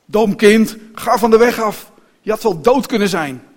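A man voicing a gruff adult coachman who speaks firmly and with authority. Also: fairly high pitch, lively intonation, normal speed, close to an everyday voice. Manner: firm, commanding.

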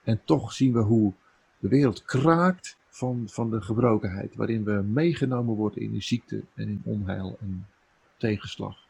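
A man preaching an earnest, emotional sermon, rising to emphatic peaks and then dropping soft. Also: lowish voice, moderate pace, gravelly, breathy edge, rough recording.

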